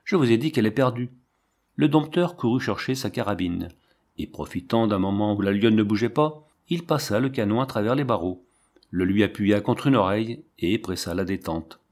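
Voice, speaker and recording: Male audiobook narrator, lowish voice, measured and dramatic. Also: darkish tone.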